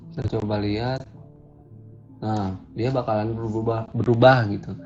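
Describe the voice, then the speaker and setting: A coding instructor narrates a screen recording as he programs, talking casually and thinking aloud. His voice is lowish, steady, and a little mellow, at a moderate pace. The recording is dull lo-fi audio with faint music behind it.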